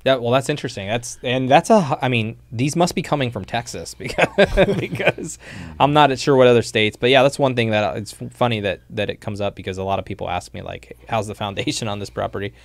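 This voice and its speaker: A man co-hosting a podcast as a real estate agent, chatty and quick to laugh. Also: mid-range voice, creaky, no room sound. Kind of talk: casual podcast chat.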